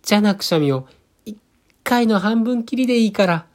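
A man voicing a greedy, timid little baby bird who pleads in a high, plaintive voice. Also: animated, moderate pace, darkish tone. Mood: pleading.

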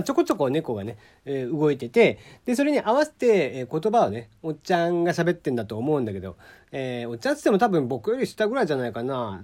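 A man's voice: fairly high pitch, a little mellow. Chatty man laughing through a podcast. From Kagoshima, Japan. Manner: chatty, laughs often, many fillers. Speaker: podcast host. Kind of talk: casual solo podcast talk.

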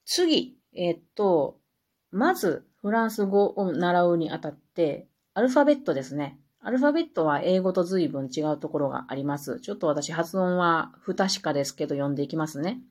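A woman talks alone on her podcast in a chatty, self-mocking way. Her voice sits a little low and has a faint husky edge. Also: moderate pace. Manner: chatty, laughs at herself, lively asides. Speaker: podcast host. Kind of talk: casual solo talk.

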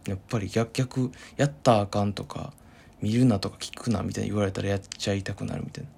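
A man's voice: on the low side, steady tone, quick pace, vocal fry, a little mellow, slightly rough. A young man with a Kansai accent, rambling casually in a solo talk, with many fillers and self-corrections. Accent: Kansai Japanese. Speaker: solo podcast host. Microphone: home voice recording app.

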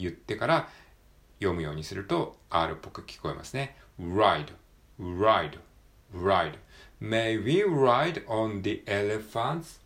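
A man with a Japanese accent talks through English pronunciation on his own, explaining points, then repeating words and phrases slowly and with emphasis. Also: deep voice, gravelly, a bit bright. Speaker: English pronunciation practice podcaster. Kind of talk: solo read-aloud practice with commentary.

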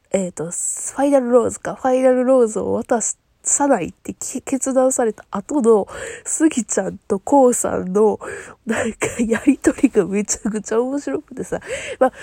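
A woman's voice: on the high side, warm tone, no echo, clean studio sound. A woman with a Kansai accent hosting her own podcast, talking casually while crying, her voice nasal and stuffed up, rambling with many fillers. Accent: Kansai Japanese. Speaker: podcast host. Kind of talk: solo casual talk.

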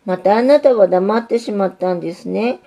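A woman's voice: mid-range voice, brisk, vocal fry, dark tone, highs cut off. A woman voicing an earnest, lovesick young male railway signal in a storybook reading, pleading and eager. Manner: pleading, eager, repeats himself.

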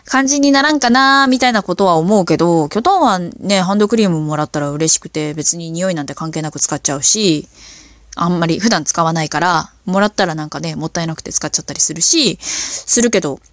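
A woman hosting a casual solo talk, telling stories in an animated, chatty way with lots of fillers. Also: fairly low pitch, no room sound, clean studio sound. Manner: animated storytelling with impressions. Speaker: podcast host.

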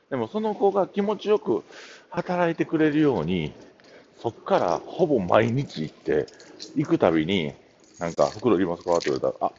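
A man's voice: on the low side, darkish tone, highs cut off, slight background noise. A middle-aged man with a Kansai accent, hosting a casual solo talk show and telling stories in a chatty, meandering way. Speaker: podcast host.

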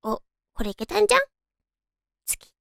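A woman's voice: very high-pitched, sing-song, normal speed, creaky, a bit bright, no room sound, clean studio sound. A woman with a naturally cute anime-girl voice, hosting a casual solo radio chat in a playful, girlish manner. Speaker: radio show host.

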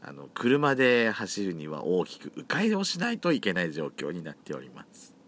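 A man's voice: sits low, huge pitch swings, moderate pace, fairly bright tone. A man with a Yamagata accent hosting a solo chat podcast, talking in a chatty way with campy, feminine turns of phrase. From Yamagata, Japan. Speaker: podcast host.

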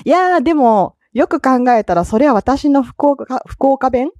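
A woman's voice: high voice, lively intonation, measured pace, darkish tone, dry recording, dull audio. A woman with an Osaka Kansai accent hosting a casual solo podcast, chatty and laughing often between her words. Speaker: podcast host.

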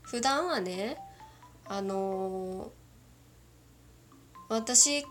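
A woman's voice: mid-range voice, extremely slow, faint music behind. A woman from Kagoshima with a mixed northern Kyushu accent, rambling through a casual solo chat and giggling often. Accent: northern Kyushu Japanese. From Kagoshima, Japan.

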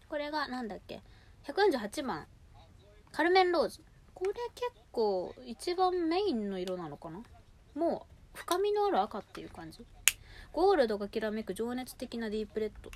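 Excited, lively woman chatting casually, high-pitched voice. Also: slight background noise. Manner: excited, gushing, muttering asides to herself. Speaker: host of a personal audio show. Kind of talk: casual unscripted chat to listeners while unboxing and sorting cosmetics.

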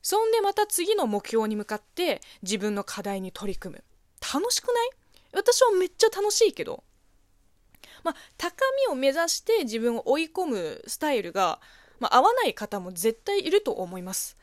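Lively woman podcaster. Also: sits high, normal speed, dry recording, studio quality. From China. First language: Chinese. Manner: chatty, expressive, answers listener letters. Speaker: podcast host. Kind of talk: casual solo radio talk.

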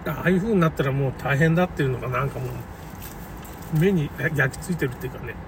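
A man's voice: medium pitch, fast talker. A man giving a casual, unscripted monologue in a rambling, opinionated and conversational way. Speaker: commentator recounting a local flood. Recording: noisy, distant mic, car and outdoor ambience.

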